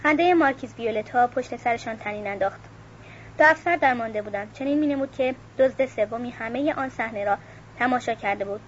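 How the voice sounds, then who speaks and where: Woman narrating an audiobook, muffled. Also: fairly high pitch. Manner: steady, measured, with occasional self-corrections. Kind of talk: audiobook reading. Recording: muffled with faint hiss.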